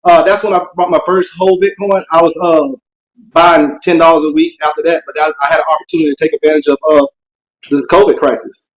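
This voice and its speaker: A man calling in to a show, explaining himself casually and earnestly, halting and repeating his words as he goes. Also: on the high side, steady tone, rough recording. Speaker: caller on a call-in show. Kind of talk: casual unscripted debate.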